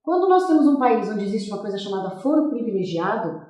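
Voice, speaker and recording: A woman's voice: medium pitch, very animated, quick pace, dark tone, roomy sound. Earnest female guest expert explaining. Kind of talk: studio interview.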